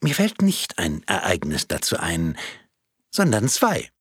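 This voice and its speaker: A man voicing a calm, composed woman in a cinema audience who speaks in measured, precise sentences. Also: low-pitched, husky, no room sound, clean studio sound, full character voice.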